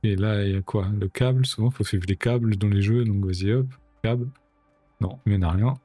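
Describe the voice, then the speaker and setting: Low-voiced man narrating his gameplay. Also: fairly quick, mellow, no echo. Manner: chatty, thinks aloud, mutters to himself while playing. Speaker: gaming streamer. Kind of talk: casual let's-play commentary.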